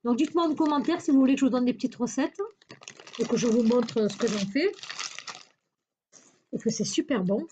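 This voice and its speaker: A woman's voice: fairly high pitch, a little fast, long pauses, mellow, a little hiss or hum. A woman chatting through a shopping haul video, hesitant and searching for words with many fillers. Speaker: YouTuber showing a shopping haul. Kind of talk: casual haul video chat.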